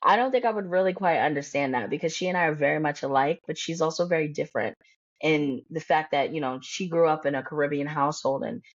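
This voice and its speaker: A woman's voice: low voice, quick pace, dry recording, muffled recording. A woman from the United States, a career coach and podcast guest, talking boldly and bluntly in casual conversation and laughing often.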